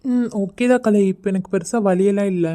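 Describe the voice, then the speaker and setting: An injured young college man in an animated series, voiced by a woman, fending off everyone's questions. The tone is mellow and warm, with short, defensive replies. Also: medium pitch, a little fast, natural voice. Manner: defensive, curt. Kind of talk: cartoon voice acting.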